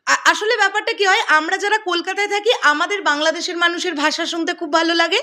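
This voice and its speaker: High bright-voiced Kolkata woman commentating. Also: fast talker. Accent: Kolkata Bengali. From West Bengal, India. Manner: animated, questioning, rhetorical. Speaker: content creator. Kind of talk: casual commentary to camera.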